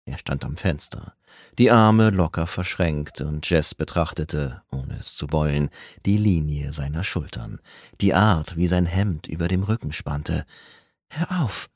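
A man's voice: very deep voice, measured pace, a little mellow, no room sound, clean studio sound. A man narrating a romance audiobook in an intimate, dramatic way, lingering on phrases.

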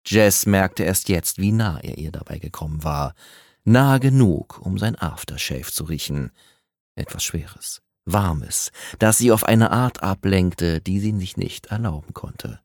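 Low-voiced man narrating a romance story. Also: unhurried, gravelly, no echo, studio quality. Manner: intimate, dramatic, lingering on phrases. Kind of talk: scripted romance audiobook narration.

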